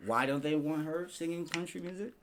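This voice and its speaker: A slightly high-pitched man talks briskly as the host of an informal commentary show. His ranting is sarcastic, slangy, and profane, with impressions of people mixed in. The clip carries clear background noise.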